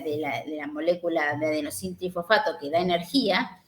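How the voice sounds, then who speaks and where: A woman's voice: mid-range voice, fairly bright tone. A woman from the River Plate region giving a university lecture, explaining step by step, with many fillers and tag questions. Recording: echoey room.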